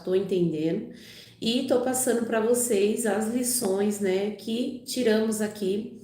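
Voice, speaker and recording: A woman with a medium-pitched, mellow voice speaks in a reverberant space. She hosts a live channel, reading the Bible aloud and chatting casually, often tagging sentences with "né" and "tá bom." She is getting over a cold, which leaves her voice slightly off.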